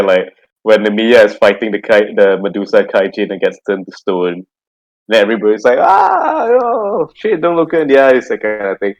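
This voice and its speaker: A man's voice: fairly low pitch, poor audio. A man acting as game master, narrating a tabletop game casually with lots of restarts and laughter. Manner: rambling, restarts, frequent laughs.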